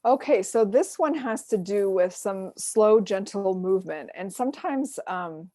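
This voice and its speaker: A woman presenting an online self-care workshop, explaining grounding techniques gently with frequent fillers, heard over a video call. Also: medium pitch, lively intonation, measured pace, no room sound, studio quality.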